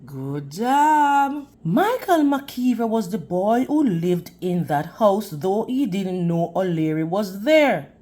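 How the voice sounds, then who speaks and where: A woman storyteller reads a picture book aloud to young children, taking her time. Her pitch rises and falls in a lively way, and like a teacher she asks her listeners questions as she reads.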